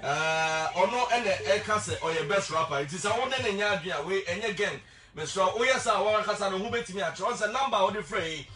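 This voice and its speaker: A man's voice: sits high, quick pace, pushed and bright, recorded from a distance, a little hiss or hum. A man with a Ghanaian accent talking as a presenter on a live radio show in a small studio. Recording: echoey radio studio filmed from off.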